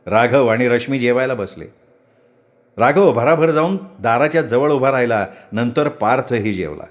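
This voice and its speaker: A man's voice: medium pitch, moderate pace. A man narrating a story with dramatic, vivid delivery.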